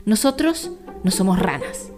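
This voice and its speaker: A woman's voice: mid-range voice, sing-song, unhurried, darkish tone, faint music behind. A woman voicing a cautious, fussy mother bat in a storybook reading, talking in a worried, scolding way.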